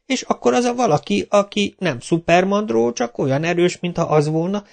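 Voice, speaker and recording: A man voicing a whiny, dim-witted male night watchman in an audiobook, high and whining. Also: expressive, vocal fry.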